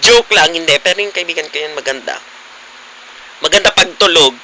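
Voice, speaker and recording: Young man, high bright voice, playful teasing, casual vlog chat. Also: brisk, slight background noise, low-quality recording. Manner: playful teasing, frequent giggles. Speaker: vlogger.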